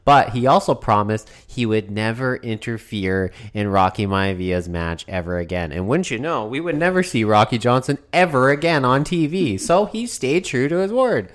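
A man's voice: mid-range voice, expressive, normal speed, few pauses. A man in his thirties hosting a casual wrestling recap, talking like a brash, foul-mouthed frat bro. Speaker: wrestling podcast host.

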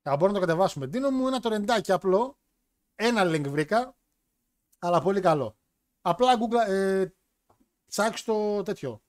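A man with a slightly high voice hosts a loose, chatty show. He jokes crudely and slips into other people's voices to act out his stories. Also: long pauses. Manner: animated, crude joking, mimics voices. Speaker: podcast host. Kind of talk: casual chat with live chat.

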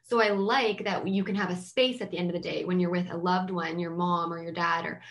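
A woman's voice: lowish voice, steady tone, brisk. A young adult woman, a child therapist, explaining things in a casual, chatty way with frequent filler words. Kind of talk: casual advice chat.

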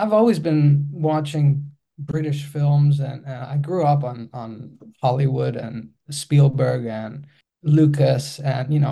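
A man's voice: medium pitch, creaky, warm tone. A Greek-accented man in his forties, a filmmaker guest in an interview, speaking hesitantly with many restarts. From Greece.

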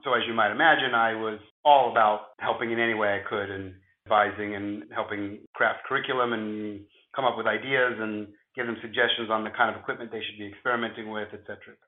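A man with a gravelly voice, hoarse from flu, explaining things conversationally as an interview guest in measured phrases. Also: fairly low pitch, little pitch movement, reverberant, narrow, tinny audio. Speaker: interview guest, futurist at a film studio.

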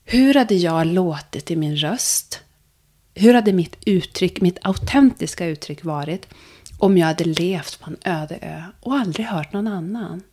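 A young adult woman speaking softly and reflectively as a podcast guest, sometimes dropping to a hush. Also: on the low side, lively intonation. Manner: soft, searching, drifts into hushed whispers. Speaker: guest, vocal coach and therapist. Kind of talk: reflective conversation.

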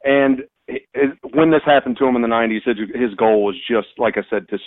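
A man from Kentucky calling in to a radio talk show, explaining a topic in a halting way with frequent restarts and fillers, heard over the phone line. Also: mid-range voice, no room sound. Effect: phone line call-in voice. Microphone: telephone. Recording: tinny phone line, dry.

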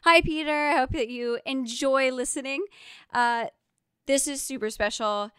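A woman's voice: sits high, unhurried, pushed and bright, smooth, no echo, clean studio sound. A woman hosting a podcast in a casual, enthusiastic, gushing style. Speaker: podcast host.

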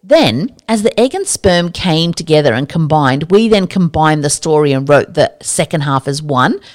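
A woman's voice: low voice, lively intonation, moderate pace. A woman hosting a podcast, explaining science in a casual, chatty, enthusiastic monologue that drifts into asides. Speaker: podcast host.

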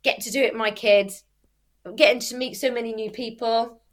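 Woman with soft Rs, saying w for r. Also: a little high, steady tone, a little fast. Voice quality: cannot pronounce R well, says w for r. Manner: chatty, explains with examples and self-corrections. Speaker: athlete and youth sports coach. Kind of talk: casual interview answers.

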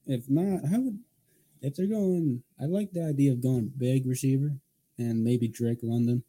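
A man's voice: mid-range voice, moderate pace, warm tone. A man co-hosting a casual sports chat, laid-back and jokey, mostly giving short replies. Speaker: podcast co-host.

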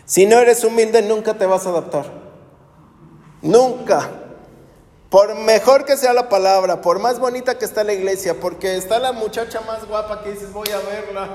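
High-voiced preacher in an echoey hall. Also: male voice, moderate pace, mellow, a little hiss or hum. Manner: conversational preaching with rhetorical questions. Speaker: pastor. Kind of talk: sermon.

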